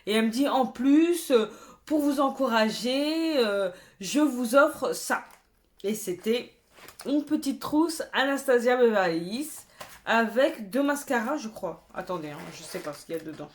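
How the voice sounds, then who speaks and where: Chatty, expressive French-speaking woman vlogger. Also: fairly high pitch, normal speed. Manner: chatty, expressive, exclamatory asides. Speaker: beauty vlogger. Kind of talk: casual haul chat.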